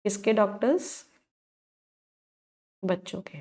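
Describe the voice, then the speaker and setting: A young woman teaches exam vocabulary in a steady voice of middle pitch. She keeps asking her class questions and answers each one herself. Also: slow. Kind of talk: exam-prep vocabulary lesson.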